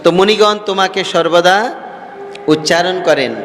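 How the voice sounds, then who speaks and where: A man, a monk preacher, giving a slow devotional sermon, repeating his phrases and putting questions to his listeners. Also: high voice, fairly bright tone. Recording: roomy hall reverb with faint music.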